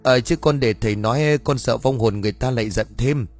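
A man's voice: mid-range voice, brisk, a little mellow, soft background music, lightly acted. Man doing a timid pleading mother. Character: anxious pleading mother, deferential.

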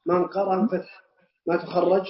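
Male lecturer, brisk and emphatic; fairly high voice, dull recording. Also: level tone. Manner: quick, emphatic, joking with students. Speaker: sheikh teaching a book. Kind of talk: classroom explanation of a text.

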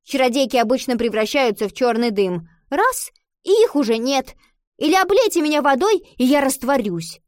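Woman voicing a mocking young schoolgirl witch, high and loud, storybook reading, dry sound. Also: sing-song, normal speed, no echo. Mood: sarcastic. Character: defensive sharp-tongued young schoolgirl witch.

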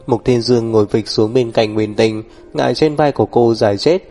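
A man narrating a novel in an even, unhurried storytelling voice. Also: medium pitch, faint music behind. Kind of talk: audiobook novel reading.

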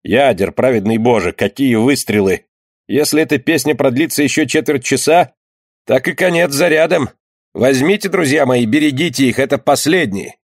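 A man reading an audiobook voices a harried ship's surgeon and carpenter who scolds and gives brisk orders. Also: mid-range voice, no room sound, studio quality, voice pushed up, close to an everyday voice. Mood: urgent.

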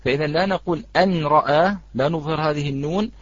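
Male recitation teacher, slightly high voice, slow drawn-out examples, muffled dry online audio. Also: dry recording. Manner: addresses students warmly, answers chat greetings, recites examples slowly. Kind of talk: live online tajweed lesson.

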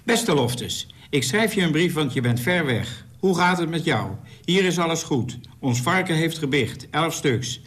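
A man's voice: fairly high pitch, animated, a little slow, hardly any pauses, fairly bright tone. A man voicing a soldier in glasses who reads a comrade's letter aloud. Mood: matter-of-fact. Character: bespectacled male soldier reading a letter aloud.

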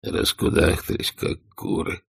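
A man voicing a gruff, contemptuous, commanding old man in a hushed, low voice. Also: steady tone, normal speed, full character voice.

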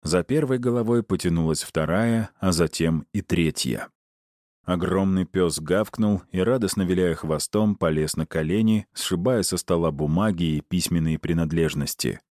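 Низкий мужской голос рассказчика. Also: male voice, low voice, normal speed, darkish tone, dry recording, clean studio sound. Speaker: narrator. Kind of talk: audiobook narration.

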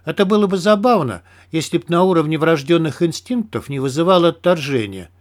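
A man reading a first-person adventure audiobook in a steady, even storytelling manner. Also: on the high side, brisk. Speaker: audiobook narrator.

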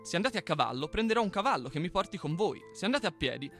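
A man's voice: very animated, fast, soft background music, exaggerated voice. A man reading a folk tale aloud, putting on the raised, pleading voice of a stubborn boastful old man. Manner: loud, pleading, high-pitched put-on.

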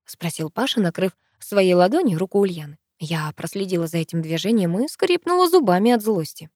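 A woman narrating a first-person novel in a wry, expressive way. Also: fairly low pitch, fairly quick, dry recording, clean studio sound. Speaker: audiobook narrator.

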